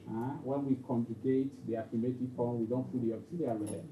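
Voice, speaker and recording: A man's voice: medium pitch, steady tone, fast talker. A man teaching an English grammar class, repeating points and checking with "okay?". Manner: repetitive, checks understanding with "okay?". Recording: roomy, distant, dull lo-fi, faint noise.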